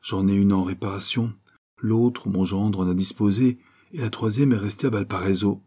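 A man voicing a stout, jovial businessman who talks in a hurried, apologetic way, with a low, husky voice. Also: mellow. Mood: flustered.

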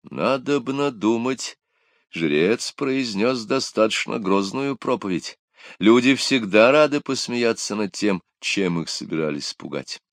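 A man narrating a story in a measured, expressive storytelling manner. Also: lowish voice, dry recording, clean studio sound. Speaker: audiobook narrator. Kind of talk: scripted narration.

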